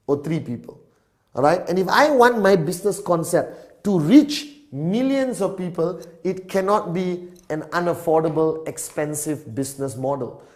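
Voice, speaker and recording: A man's voice: sits high, a little mellow. A man with a slightly raised voice walks an audience through a business concept at a whiteboard. He talks emphatically, driving each point home with a questioning "all right?". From Malaysia. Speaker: business presenter.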